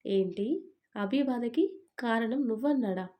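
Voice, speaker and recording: A woman's voice: on the high side, a little slow, dark tone, close to an everyday voice. A woman voicing a cheerful young man in an audio story who soothes his upset friend in an easygoing tone. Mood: placating.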